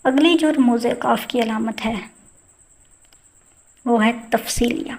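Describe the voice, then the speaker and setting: A woman's voice: a little high, a little mellow, rough recording. A woman teaching a grammar lesson, explaining each point step by step with spoken examples.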